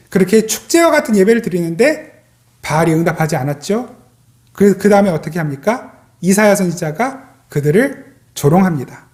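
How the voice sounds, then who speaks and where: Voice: mid-range voice, darkish tone. Emphatic preacher with a swooping voice. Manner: emphatic preaching with rhetorical questions to the congregation; repeats parallel phrases for emphasis. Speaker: pastor. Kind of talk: Sunday sermon.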